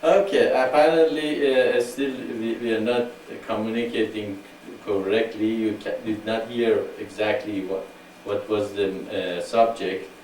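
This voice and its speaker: A man hosting an online spiritual gathering in casual talk, speaking slowly and deliberately and repeating himself so listeners can follow. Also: on the low side, steady tone, darkish tone. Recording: echoey room, far from mic, faint hiss.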